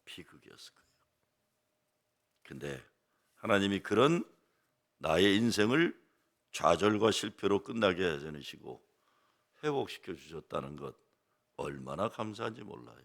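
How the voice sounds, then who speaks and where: An older man preaches a Sunday sermon, his voice gravelly with fry and sharply bright. He moves through a wide, animated pitch range. He keeps prodding the congregation with rhetorical questions. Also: moderate pace, pauses often. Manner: lively preaching cadence. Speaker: pastor.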